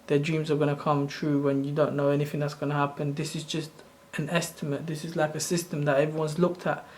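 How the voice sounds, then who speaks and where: Talking a little fast over slight background noise, a Sri Lankan channel host in his thirties explains a screen-share tutorial in a loose, rambling way. His voice is on the high side and level, and he often fixes his own wording as he goes.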